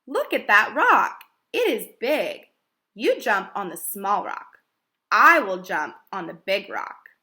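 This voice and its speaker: A woman's voice: mid-range voice, sing-song, slow pace, sharp tone, heavily acted. A woman teacher voicing a boastful young male rabbit while reading a picture book aloud. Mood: bragging. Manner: bold, bragging storybook voice.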